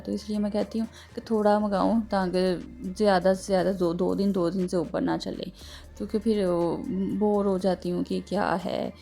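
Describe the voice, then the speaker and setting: A home vlogger narrates her housework in a chatty, rambling, homely style, leaning on small fillers. Her lowish voice is dark and mellow with a gravelly edge and a slightly sore throat, recorded in her kitchen at home.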